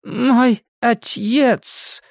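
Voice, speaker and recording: A man voicing a sly old woman who turns into a monstrous hag, with a creaky, drawn-out voice in an audiobook. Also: high voice, very animated, dry recording, studio quality, pitched above the performer's own voice, heavily acted. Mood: sinister. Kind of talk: audiobook character voice.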